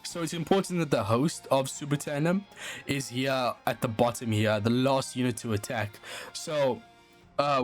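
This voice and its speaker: A man with a South African accent talks through a game team setup in a relaxed, explanatory way, dropping "uh" now and then as he thinks. His pitch sits in an ordinary middle range. Faint guitar music plays quietly beneath his voice-over. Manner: casual explanatory, frequent "uh" fillers. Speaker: gaming channel host. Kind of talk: game strategy walkthrough. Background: faint background music.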